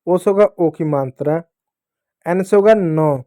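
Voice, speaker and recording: A man teaches a class of children to spell English words letter by letter, calling them "children" and repeating each answer. His voice sits on the high side with a dark tone, and he takes his time.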